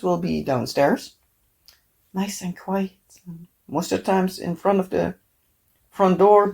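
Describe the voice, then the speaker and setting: A woman with a hoarse, sick voice, rambling casually with lots of fillers and coughs as she chats on her crafting vlog. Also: fairly low pitch. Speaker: crafting vlogger. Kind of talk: casual chat while crafting.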